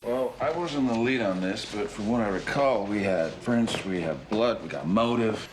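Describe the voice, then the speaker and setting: An actor playing a gruff, stubborn male police detective in a TV drama, with a blunt, brisk way of talking. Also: on the low side, close to an everyday voice. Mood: blunt, firm. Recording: clear background noise with clicks.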